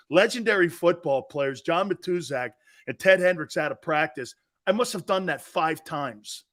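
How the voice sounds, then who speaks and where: This middle-aged sports talk host, fairly high-pitched, creaky and fairly bright, chats through stories full of laughter and voice impressions. Afterward he delivers an ad read.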